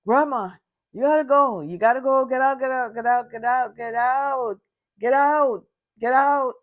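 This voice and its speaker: A woman doing a loud, horrified granddaughter. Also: high voice, muffled recording, pitched above the performer's own voice. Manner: loud, rapid repetition. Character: horrified teenage granddaughter, panicked and pushy.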